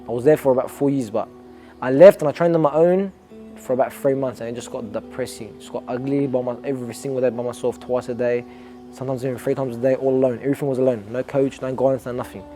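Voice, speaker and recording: A man's voice: mid-range voice, warm tone. A young Australian man, an amateur boxer, talking earnestly and reflectively in a documentary interview, often restarting his sentences.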